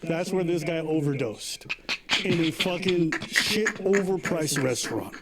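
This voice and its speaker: A man's voice: fairly high pitch, animated, measured pace, very noisy. A man co-hosting a stream, giving casual, profane reaction commentary with storytelling asides. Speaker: streamer co-host.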